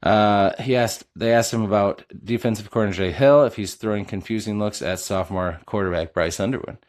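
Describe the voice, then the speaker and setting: Low-voiced enthusiastic sports podcast man. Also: steady tone, a little fast. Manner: enthusiastic fan, many filler uhs. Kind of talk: casual sports commentary.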